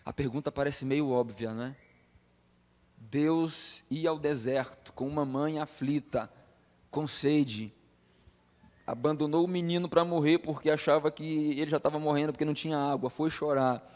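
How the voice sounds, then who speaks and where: Impassioned preacher in a reverberant hall. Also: male voice, fairly high pitch, moderate pace, darkish tone. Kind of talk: sermon. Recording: long hall reverb with faint music behind.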